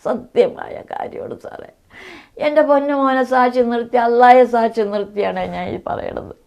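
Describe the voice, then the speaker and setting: A woman's voice: fairly high pitch, normal speed, creaky, clean tone, lo-fi sound. A middle-aged woman, a bereaved mother giving a tearful, pleading interview. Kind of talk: emotional interview testimony.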